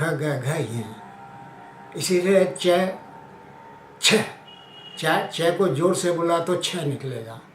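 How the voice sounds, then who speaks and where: A man giving an informal spoken lesson, explaining ideas slowly and sounding out letters aloud one by one. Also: fairly high pitch. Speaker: teacher explaining Hindi phonetics. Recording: echoey room with faint ambient noise.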